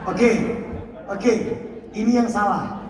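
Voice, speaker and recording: A man leading a seminar for teachers, energetic and drilling them with call-and-response, stretching key words slowly for emphasis. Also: sits high, crowd noise. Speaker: teacher trainer. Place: school hall. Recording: echoey hall picked up from far off.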